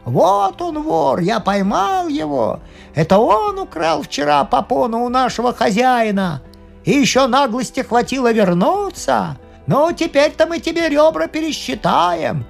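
A reader doing a loud brutish servant man. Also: high voice, animated, unhurried, soft background music, pitched above the performer's own voice. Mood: accusing. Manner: shouting, boorish, jeering. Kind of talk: audiobook reading.

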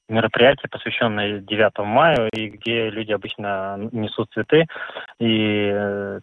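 A male regional correspondent reports live down a tinny phone line. His voice sits fairly low, and the sound is dry and narrow. He talks haltingly and fills gaps with "uh" and "um". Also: dry recording. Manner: hesitant, many fillers. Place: city in eastern Latvia.

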